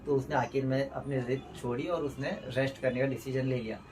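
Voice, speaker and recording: A man's voice: medium pitch, steady tone, a little fast. A young man, a vlogger and new father, telling a personal story in a heartfelt, rambling way with restarts. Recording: distant mic with faint ambient noise.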